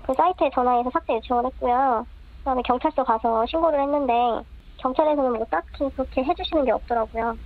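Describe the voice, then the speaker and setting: Anonymous female interviewee, altered higher-pitched voice, hesitant, narrow muffled line. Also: fast talker, dry recording. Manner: short, hesitant answers. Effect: voice electronically altered for anonymity. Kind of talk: subdued interview answers.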